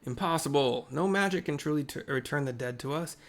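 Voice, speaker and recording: A man's voice: on the high side, fairly quick, natural voice. A man voicing a haughty inquisitor from a fantasy game, speaking formally and pompously. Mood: stern, dismissive. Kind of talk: game dialogue read aloud.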